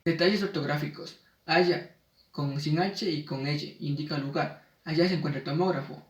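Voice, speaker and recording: A man reads out a spelling lesson in a measured way and slows down for the example words. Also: fairly high pitch, fairly even intonation, distant mic. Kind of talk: reading a spelling lesson aloud. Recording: echoey room, voice off-mic.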